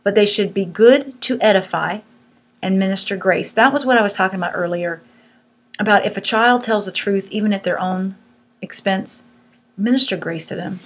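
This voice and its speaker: A woman's voice: medium pitch, moderate pace. A middle-aged woman teaching a small Bible study group, earnest, firm and conversational.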